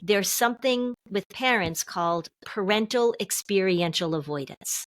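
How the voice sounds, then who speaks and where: A middle-aged woman therapist, a guest on a podcast, explaining in an animated way and acting out what her clients say. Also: mid-range voice, normal speed, dry recording. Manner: animated, acts out quotes from clients. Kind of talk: podcast interview.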